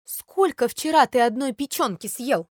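A woman's voice: high-pitched, lively intonation, unhurried, no room sound, studio quality, voice pushed up. A woman voicing an exasperated cook who complains and scolds in a storybook reading. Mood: scolding. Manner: exclaiming, complaining.

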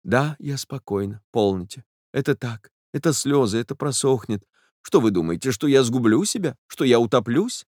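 A man's voice: mid-range voice, lively intonation, normal speed, a little mellow, dry recording, clean studio sound, natural voice. A man reading an audiobook, voicing a heartbroken young woman who pleads through tears with a breaking voice. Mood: distraught. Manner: tearful, imploring, breaking voice. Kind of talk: audiobook character voice.

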